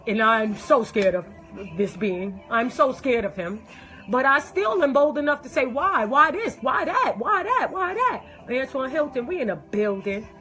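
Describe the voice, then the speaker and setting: Middle-aged woman, high and bright, emphatic preachy rant with repeated phrases, faint music under. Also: poor audio. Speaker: social media poster. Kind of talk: impassioned personal rant.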